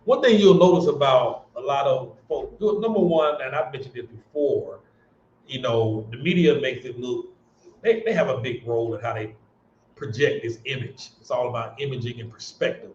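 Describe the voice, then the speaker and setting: An American man chats earnestly on a livestream, circling back and restarting his sentences as he goes. His voice sits at an ordinary middle pitch. The audio sounds roomy and a bit dull. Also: animated, fairly quick, slight background noise. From United States. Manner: earnest, rambling with many restarts and fillers. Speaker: livestream host. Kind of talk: casual livestream chat.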